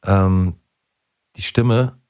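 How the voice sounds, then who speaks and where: A man's voice: sits low, drawn-out words, a little mellow, smooth, no echo, clean studio sound. A man co-hosting a podcast, playing a stern coach in a comedy bit and lecturing his partner. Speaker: podcast co-host.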